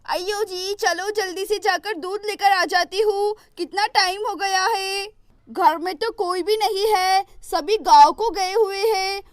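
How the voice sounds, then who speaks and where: A woman's voice: very high voice, unhurried, no room sound, studio quality. A woman voicing a young pregnant woman in pain in a cartoon story, whimpering and begging for help. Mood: pleading. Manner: whimpering, pleading speech.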